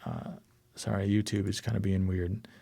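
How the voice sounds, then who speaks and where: A man's voice: sits low, fairly even intonation, normal speed, gravelly, mellow, breathy edge. A man teaching a live online class over a video call, casually talking through each click on his screen. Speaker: course instructor. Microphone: computer mic on a video call.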